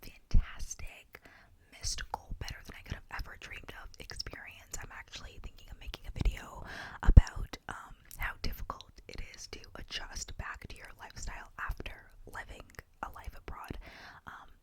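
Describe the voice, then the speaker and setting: Whispering young American woman, ASMR ramble. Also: normal speed. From Boston, New England, United States. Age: early 20s. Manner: casual, meandering, close-up delivery. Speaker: ASMR video creator. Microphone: very close to the microphone.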